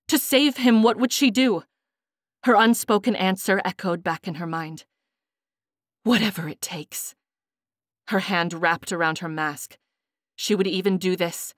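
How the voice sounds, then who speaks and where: A woman narrating a fantasy audiobook in a measured, dramatic storytelling manner. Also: mid-range voice, dry recording, studio quality.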